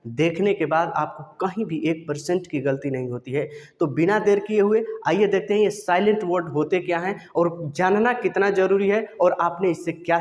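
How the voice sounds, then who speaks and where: High-voiced male teacher, echoing room. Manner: repeats questions to the class and answers them himself. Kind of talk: video lesson.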